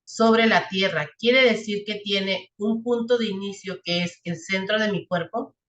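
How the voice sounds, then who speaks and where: A woman's voice: mid-range voice, unhurried, a bit bright, muffled recording. A woman teacher, walking a class through equations and physics step by step and checking in often with short questions. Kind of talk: classroom math and physics lesson. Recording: echoey room.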